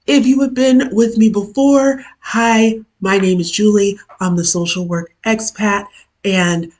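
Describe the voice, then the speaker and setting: A woman hosts her own live stream during a work lunch break, chatting casually with self-deprecating asides. Her mid-range voice is hoarse and worn out because illness has taken her voice. She's recorded on a camera mic.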